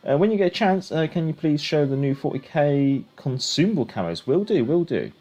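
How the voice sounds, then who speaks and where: A man's voice: fairly high pitch, very animated, brisk, mellow. A man streaming a game, chatting casually and thinking aloud as he gives live commentary.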